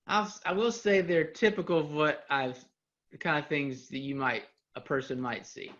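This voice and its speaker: A man's voice: fairly high pitch, moderate pace, a bit bright, lo-fi sound. A man co-presenting a live online training session, casual and self-deprecating, inviting the audience to join in.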